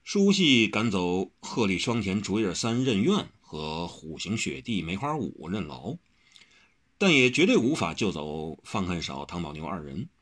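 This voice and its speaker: A man reads a novel aloud in a storyteller's manner, his voice husky and a little breathy. His pitch rises and falls dramatically, giving the narration lots of movement. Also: very animated, normal speed, fairly bright tone. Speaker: audiobook narrator. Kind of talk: novel reading.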